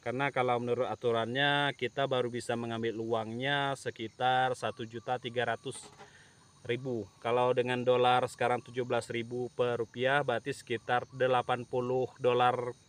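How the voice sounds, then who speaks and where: A man talking casually to camera in a vlog outdoors at a plantation, slow and halting with many fillers. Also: mid-range voice, a little hiss or hum. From Indonesia. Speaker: YouTube channel owner. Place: outdoors at an oil palm plantation. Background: insects and rural outdoor ambience.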